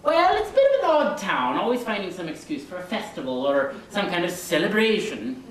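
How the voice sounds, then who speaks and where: In a comedy sketch, a performer plays a boastful, mischievous little male leprechaun being interviewed, answering with cheeky, rambling, sly wordplay. The mid-range voice swoops wildly in pitch and runs a little fast. It was recorded on a distant mic in an echoey room with faint noise.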